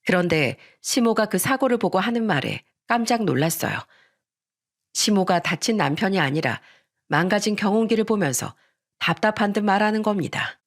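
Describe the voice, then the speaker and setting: A woman narrating a first-person family story in a plain, indignant storytelling manner. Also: mid-range voice.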